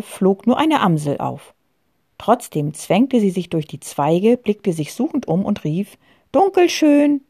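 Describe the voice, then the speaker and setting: A woman calmly reading a children's story aloud. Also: fairly low pitch, slightly rough. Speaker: narrator.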